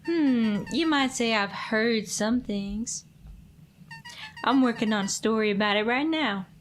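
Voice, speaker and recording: A woman voicing a drowsy, cheerful young woman reporter in a relaxed, easygoing way. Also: a little high, a little slow, faint music behind, natural voice.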